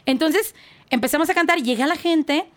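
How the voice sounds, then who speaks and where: Mexican woman singer, high voice, animated storyteller, casual podcast chat. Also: normal speed. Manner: animated, acts out voices and sound effects while telling stories. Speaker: guest singer.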